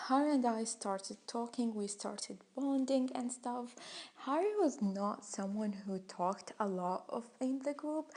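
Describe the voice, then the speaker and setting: Young woman vlogger, slow unhurried delivery, rambling with many restarts. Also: medium pitch, a little mellow. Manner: rambling, hesitant, with frequent fillers and restarts. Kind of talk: casual story time.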